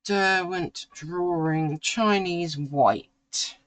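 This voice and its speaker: A middle-aged woman, slowly talking through a drawing as she works and musing to herself. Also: lowish voice, low-quality recording. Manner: slow, musing, talks to herself while drawing. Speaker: art tutor. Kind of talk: relaxed painting tutorial.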